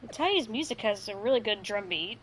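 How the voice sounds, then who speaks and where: A woman's voice: mid-range voice, expressive, brisk, fairly bright tone, slightly rough, poor audio. A woman giving casual, blunt commentary while she plays a video game. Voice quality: chatty, blunt opinions. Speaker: gamer.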